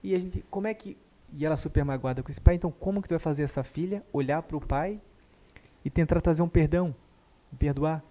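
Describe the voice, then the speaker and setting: Homem de voz grave e fala rápida. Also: male voice, a little high, fast. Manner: animated, acts out dialogue. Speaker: guest therapist. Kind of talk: conversational storytelling.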